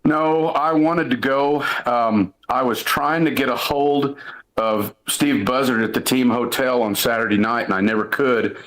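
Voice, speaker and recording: A man's voice: medium pitch, a little slow, a bit bright, rough recording. A middle-aged man co-hosts a casual sports talk show. He is a former coach who tells rambling stories about old games. He often restarts his sentences and leans on "listen" and "I mean.".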